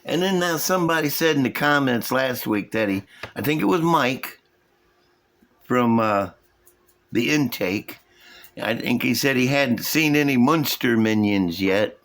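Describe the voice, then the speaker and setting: Guy w a slow folksy drawl, just chatting thru his hobby builds, takes his time. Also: medium pitch, expressive, fairly bright tone. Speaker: hobby model-building vlogger. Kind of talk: casual show-and-tell commentary.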